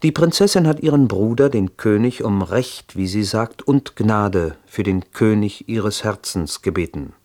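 Calm, formal male presenter. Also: on the low side, measured pace, few pauses. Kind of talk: scripted recap announcement.

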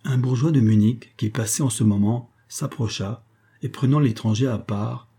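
A man reading a tale as an audiobook in a measured, steady way. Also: medium pitch, husky. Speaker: audiobook reader.

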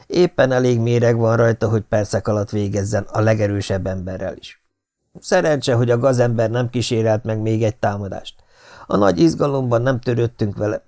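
A man's voice: mid-range voice, gravelly, a little mellow, natural voice. A man voicing a worried, serious detective in an audiobook. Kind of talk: audiobook character reading.

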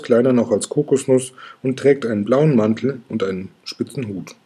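A man narrating a children's story in a calm, even way. His voice is dark and warm, with a strong breathy husk. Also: medium pitch.

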